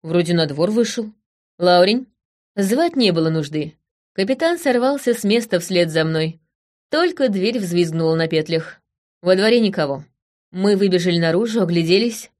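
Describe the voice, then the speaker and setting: A woman reading a fantasy novel aloud in the first person, with brisk, tense storytelling. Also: on the low side, animated, a little mellow. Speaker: audiobook narrator. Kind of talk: scripted first-person narration.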